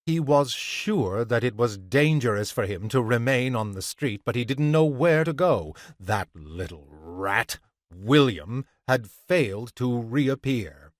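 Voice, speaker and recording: Slow, dry-voiced man reading a story. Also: medium pitch, lively intonation, no room sound. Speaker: podcast reader of short stories. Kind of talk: reading a crime story aloud.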